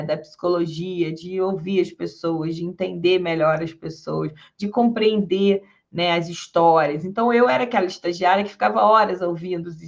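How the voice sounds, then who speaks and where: A woman, a public defender, giving a lecture and telling stories from her career in a lively way, acting out the people she quotes, with a Rio de Janeiro accent. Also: fairly low pitch, vocal fry. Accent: Rio de Janeiro Portuguese. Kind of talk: storytelling lecture. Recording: dull lo-fi sound.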